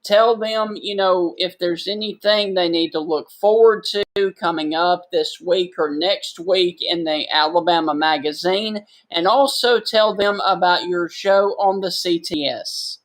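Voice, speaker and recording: Male co-host, high voice, unhurried and deliberate. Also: a bit bright. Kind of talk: casual interview chat.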